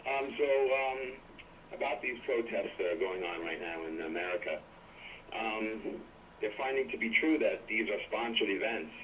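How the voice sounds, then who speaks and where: A man with a fairly low voice calls in to a talk show on a speakerphone. He sounds thin, phone-like and set back from the mic. He argues his case earnestly, in halting bursts. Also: expressive, a little hiss or hum. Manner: earnest, hesitant political argument. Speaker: caller. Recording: tinny distant speakerphone line.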